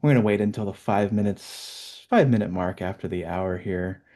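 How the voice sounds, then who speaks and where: A man's voice: lowish voice, moderate pace, mellow. Chatty man hosting a webinar. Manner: chatty, upbeat, many fillers. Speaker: webinar host. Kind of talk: casual webinar chat.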